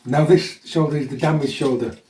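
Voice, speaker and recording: Speaking a little fast in a slightly high, somewhat mellow voice with a steady tone, a middle-aged man introduces a workout as a fitness vlogger. His chat with viewers is casual and blunt, full of "yeah?" tags, and his voice is slightly chesty from a chest infection he's getting over. Echoey room, distant mic.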